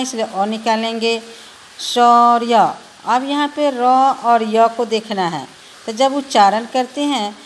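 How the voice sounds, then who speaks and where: A woman's voice: a little high, a little hiss or hum. A woman teacher with a Bihari Hindi accent, patiently spelling out letters one by one in a recorded lesson for children.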